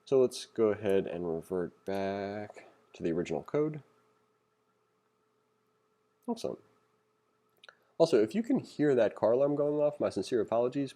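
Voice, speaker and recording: A man with a lowish voice and dark tone teaches a programming tutorial in a casual, conversational way. As instructor, he reads along and throws in opinionated, self-deprecating asides.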